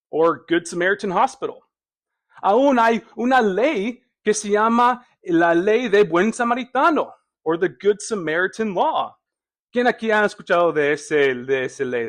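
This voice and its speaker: High-voiced guy preaching slow, lots of ums and restarts. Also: fairly bright tone. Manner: conversational, asks the congregation questions; hesitant, many fillers and restarts. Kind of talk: sermon.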